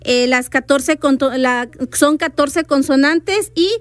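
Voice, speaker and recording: Zoque-speaking woman, high, very dry voice. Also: takes it slowly, dry recording. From Veracruz, Mexico. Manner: patient, repeats and spells out words. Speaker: radio guest, Zoque speaker. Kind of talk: radio interview, explaining writing rules.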